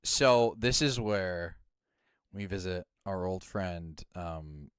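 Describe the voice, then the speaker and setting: A man with a Midwestern American accent chats casually on a stream, reading out viewer comments. His voice is smooth and clean. The sound is dry and close, with no room around it. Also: deep voice, dry recording. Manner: talks fast, trails off quietly, reads out comments. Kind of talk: casual chat.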